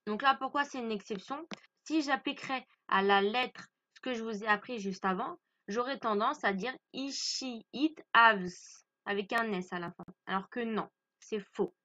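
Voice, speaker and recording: A woman's voice: on the high side, normal speed, pushed and bright, highs cut off. A woman whose first language is French, patiently teaching a beginner English lesson and often checking that her listeners follow. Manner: patient, repeats key points and checks "d'accord?".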